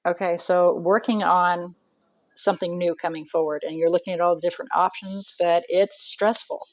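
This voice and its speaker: Woman, tarot reader, casual chatty reading, lowish voice, dry close sound. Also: fairly even intonation, moderate pace, no echo, rough recording. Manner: chatty, thinks aloud with many ums and restarts.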